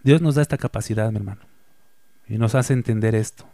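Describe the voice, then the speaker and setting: A man preaching a sermon as teacher and preacher, with lively swings in pitch and loudness, often asking listeners for agreement and reading scripture slowly with weight on each phrase. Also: no room sound. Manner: asks the listeners for agreement with short tag questions.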